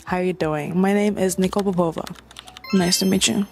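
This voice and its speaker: A woman's voice: lowish voice, fairly even intonation, a little fast, vocal fry. Young woman from Mozambique, singer hosting a casual Q&A vlog, playful and chatty, faint music underneath. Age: young adult. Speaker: singer-songwriter.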